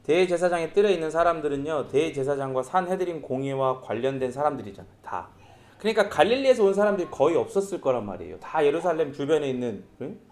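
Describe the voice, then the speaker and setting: A man preaching a sermon as pastor, speaking lively and acting out quoted lines in voices. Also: a little high, fast talker. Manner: lively, acts out quoted speech in character voices.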